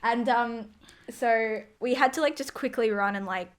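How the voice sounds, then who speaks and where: A woman's voice: fairly high pitch, a little slow. A young woman co-hosts a casual podcast. She tells stories in a loose, rambling way, packed with fillers and offhand swearing. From Australia. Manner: chatty storytelling with lots of fillers and swearing. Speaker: podcast co-host. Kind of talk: casual chat.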